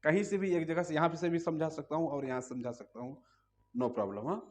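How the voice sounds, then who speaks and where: A man's voice: fairly high pitch, brisk. A man teaching a music lesson, explaining patiently step by step and asking listeners to hum along.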